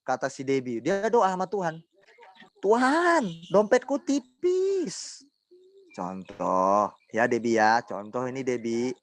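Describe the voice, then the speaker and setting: A loud, emphatic man preaching to a youth group over a video call, teasing members by imitating their voices. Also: medium pitch, expressive, normal speed. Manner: loud, emphatic, says he talks loudly. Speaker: pastor teaching a youth group. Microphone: laptop mic on a video call.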